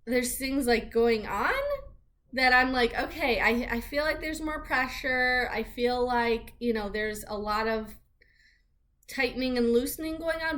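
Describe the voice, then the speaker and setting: A young adult woman chatting casually and informally in a rambling vlog style, peppering her talk with "like". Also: fairly high pitch. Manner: chatty and informal, heavy use of "like". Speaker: vlogger giving a pregnancy update.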